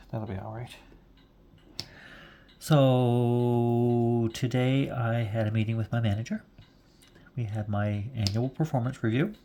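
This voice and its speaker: A man in his forties, his voice fairly low and dark with a little hiss or hum, chats casually while knitting. This knitting vlogger rambles and chuckles often.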